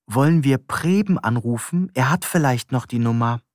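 A man's voice: medium pitch, expressive, normal speed, a little mellow, no echo, clean studio sound, close to an everyday voice. A man reading an audiobook, voicing a bumbling, meek man who talks hesitantly and trails off. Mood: earnest. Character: bumbling, meek middle-aged man, talks himself into trouble.

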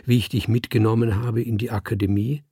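Male reader doing a restless young woman for a storybook; soft and pleading, low husky voice. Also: flat delivery, a little fast, dry recording, clean studio sound. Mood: coaxing.

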